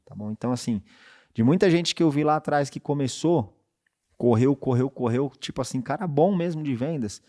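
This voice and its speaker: A man talks casually on a podcast, coaching sales brokers in a loose, conversational way. He keeps checking in with the listener through short tag questions, and his pitch sits in an ordinary middle range. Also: a little mellow. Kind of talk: casual advice talk.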